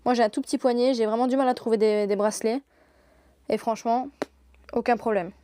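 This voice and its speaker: High-voiced enthusiastic saleswoman. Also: fairly even intonation, fairly quick, mellow, clean tone, no room sound. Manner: enthusiastic, gushing, laughs often. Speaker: shop saleswoman presenting products. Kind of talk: live-stream product showcase.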